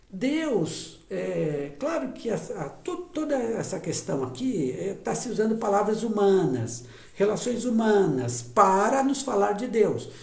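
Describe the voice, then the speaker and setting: Slow, emphatic preacher. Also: male voice, sits high, gravelly, reverberant. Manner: emphatic, repeats phrases for effect. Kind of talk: sermon.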